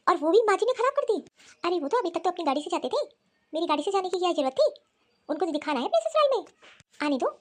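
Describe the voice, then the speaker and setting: A woman voicing a proud, demanding young wife who is indignant, in a cartoon story. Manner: shrill, indignant. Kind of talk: cartoon voice acting.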